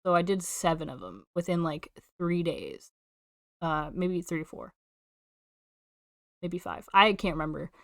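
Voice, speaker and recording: Young woman streamer, low voice, dry close sound, swears a lot, chatting with chat. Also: a little slow, pauses often, fairly bright tone, no room sound. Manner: casual, swears a lot, chats with viewers. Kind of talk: casual live-stream chat while drawing. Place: home room. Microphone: desk microphone.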